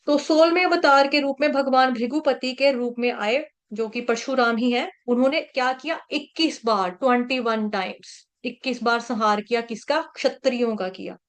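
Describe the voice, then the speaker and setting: A woman's voice: on the high side, moderate pace, few pauses. A woman teaching an online scripture class, patiently breaking verses into syllables and chanting them for students to repeat. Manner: patient, coaching pronunciation syllable by syllable.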